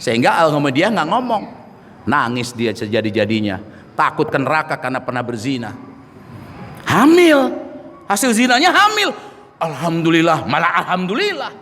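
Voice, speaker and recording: A man preaching a lively mosque lecture, acting out dialogue in shifting voices and joking with the audience. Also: medium pitch, fairly quick. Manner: animated storyteller, acts out dialogue in shifting voices; jokes and laughs with the audience. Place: mosque hall. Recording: reverberant mosque hall, faint noise.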